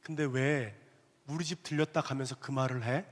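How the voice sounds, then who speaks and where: A man's voice: mid-range voice, normal speed, natural voice. A man voicing his annoyed wife, who sharply questions her husband, in a sermon story. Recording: long reverb of a church hall.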